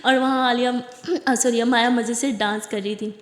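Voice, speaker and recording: A woman narrates a love story in a chatty, casual way, dropping jokey asides. Her voice sits fairly high, and the room gives it a long, echoing reverb. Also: steady tone.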